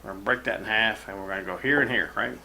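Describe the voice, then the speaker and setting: A man's voice: fairly low pitch, racing, vocal fry, bright, forceful tone. A man hosts a casual cooking demonstration in his home kitchen. He rambles and swears freely in a folksy way. The room sounds roomy, with a faint hiss behind him. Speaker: cooking show host.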